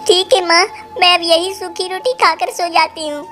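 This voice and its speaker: A woman's voice: extremely high pitch, level tone, moderate pace, sharp tone, soft background music. A woman voicing a sad, overworked little girl bird who pleads with her elders. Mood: pleading. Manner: pleading, tearful.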